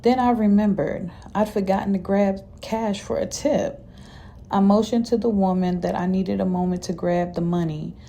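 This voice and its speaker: Gravelly, dark-voiced woman storyteller. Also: mid-range voice, fairly even intonation, moderate pace, slight background noise. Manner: dramatic, casual and profane. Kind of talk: first-person story narration.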